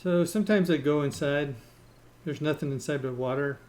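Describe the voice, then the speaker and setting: A man in casual voice chat with friends while playing a game, explaining things haltingly with fillers. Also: a little high, darkish tone. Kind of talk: casual voice-chat gameplay talk.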